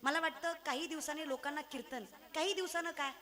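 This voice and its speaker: A woman preaching a devotional kirtan sermon, animated and storytelling, moving between loud exhortation and soft pleading. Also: high voice, a little fast.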